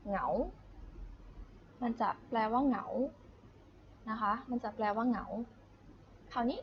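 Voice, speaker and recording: A woman's voice: a little high, steady tone, slow, lo-fi sound, slight background noise. Patient woman teacher drilling words aloud. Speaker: high school Chinese teacher. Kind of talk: recorded remote lesson.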